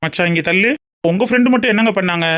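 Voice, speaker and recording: A man's voice: high-pitched, racing, fairly bright tone. A man voicing an easygoing young man who jokes and reassures in a family cartoon. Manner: breezy, joking. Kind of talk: cartoon dub acting.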